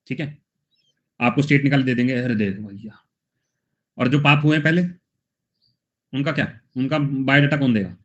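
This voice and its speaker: A man's voice: mid-range voice, muffled recording. A male teacher from Haryana giving an exam-prep lesson, talking chattily and acting out little scenes in funny voices to help students memorize.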